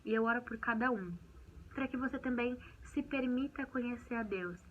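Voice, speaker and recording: A woman's voice: a little high, moderate pace, narrow, tinny audio, a little hiss or hum. A woman in her twenties with a Brazilian Portuguese accent, telling her personal faith story in an earnest, heartfelt way and acting out what she said. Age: 20s. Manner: earnest and heartfelt, reenacting her own words. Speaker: vlogger sharing a faith testimony.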